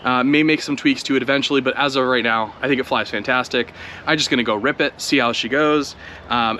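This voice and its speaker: A man giving relaxed, chatty commentary outdoors while he flies a drone, talking it through as he goes. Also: mid-range voice, a little hiss or hum. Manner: relaxed, chatty, thinking aloud while flying. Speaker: drone video creator. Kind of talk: casual first-flight commentary.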